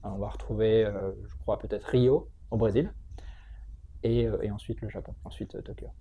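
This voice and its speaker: A man's voice: on the low side, fairly even intonation, moderate pace, warm tone, a little hiss or hum. A man answering interview questions in a conversational, explanatory way, hesitating and repeating words as he searches for the next one. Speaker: interview guest, tech training school entrepreneur.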